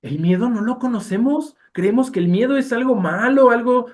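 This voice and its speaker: A man with a Mexican accent teaching a Bible study class, talking in an animated way and asking his listeners rhetorical questions. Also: extremely high pitch, moderate pace. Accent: Mexican Spanish.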